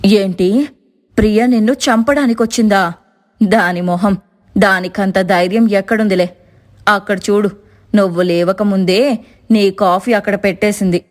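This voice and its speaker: A woman voicing a sharp-tongued older mother-in-law in a cartoon, scolding and dismissive. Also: mid-range voice, fairly even intonation, measured pace, long pauses, natural voice. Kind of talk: cartoon voice acting.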